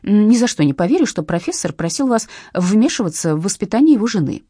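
Woman reading as a cool, brisk young woman. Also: medium pitch, sing-song, mellow, husky, no room sound, studio quality. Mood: impatient. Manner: cool and impatient. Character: brisk, sharp-tongued young woman friend.

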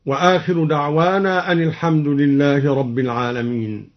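A man teaching recitation readings, explaining each one slowly and intoning the quoted verses in a measured way, on a dull archival radio recording. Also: a little high, fairly even intonation.

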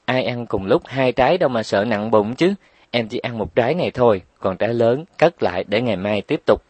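A man's voice: medium pitch, lively intonation, a little mellow, slightly rough, no echo. A man voicing a spoiled little girl who whines and snaps back sassily. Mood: sassy. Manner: whining, sassy, quick retorts. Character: bratty, whiny little girl.

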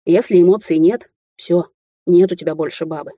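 A blunt, bossy older man delivers a coarse lecture, as a woman reads him in a storybook. The voice is husky, low and dark, recorded dry and close. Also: moderate pace, no room sound, close to an everyday voice. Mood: lecturing. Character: gruff older Russian man, blunt taxi driver.

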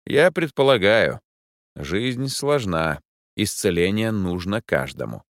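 A man voicing a calm, courteous older professor who speaks in a measured, slightly lofty way. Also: fairly low pitch, no echo, studio quality, heavily acted. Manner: measured, polite, faintly lofty.

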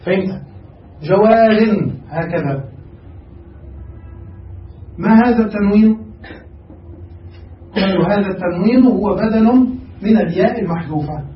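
A man's voice: high-pitched, measured pace, pauses often, slight background noise. A male grammar teacher giving a classical lesson, quizzing his students with frequent check questions. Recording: echoey room, far from mic, dull.

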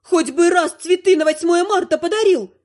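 A woman voicing a haughty, sharp-tongued old grandmother who lectures and scolds in a raised, indignant voice, in an audiobook. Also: extremely high pitch, normal speed, pitched above the performer's own voice. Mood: indignant scolding.

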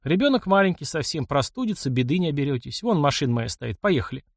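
A blunt, plain-spoken young engineer, gruff but kind, as a male reader plays him, with a lively, varied pitch. Recorded close and dry for an audiobook. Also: fast talker, dry recording. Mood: gruff, caring. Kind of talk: audiobook character voice.

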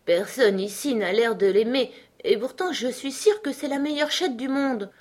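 A woman's voice: a little high, animated, a little fast, voice pushed up. Woman voicing Alice, an eager young girl. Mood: earnest. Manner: earnest, eager to please.

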